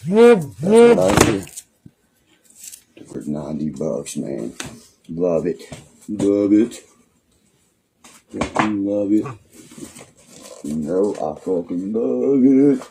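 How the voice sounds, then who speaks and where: A man's voice: low voice, wildly swooping pitch, extremely slow, vocal fry, pauses often, noisy background. A young man with a West Virginian accent, ranting angrily and threatening, swearing constantly on a phone live stream at home. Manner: angry, rambling, threatening, heavy swearing. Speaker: livestreamer. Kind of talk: profane live-stream rant. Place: small room at home, indoors.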